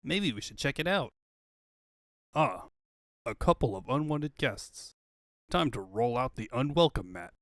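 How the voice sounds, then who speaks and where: A man's voice: medium pitch, sing-song, unhurried, pauses often, a bit bright, no room sound, clean studio sound. A man voicing a cocky young male hedgehog hero with quippy, breezy banter in a comic book fandub. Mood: breezy, wisecracking.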